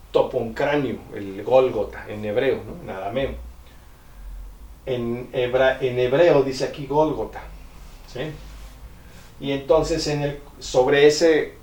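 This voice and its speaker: A man giving a Bible lecture. He explains step by step, often checks in with his listeners, and slowly sounds out ancient Greek terms. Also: mid-range voice, darkish tone. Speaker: Bible teacher. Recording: roomy echo, distant mic.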